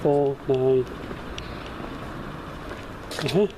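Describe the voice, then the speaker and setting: A man talks casually as he films his outing, in a mid-pitched voice. He thinks aloud in a halting way. Heavy outdoor noise of traffic and station surrounds him. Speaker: vlogger. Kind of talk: casual on-the-go commentary while filming. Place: outdoors at a station and city street.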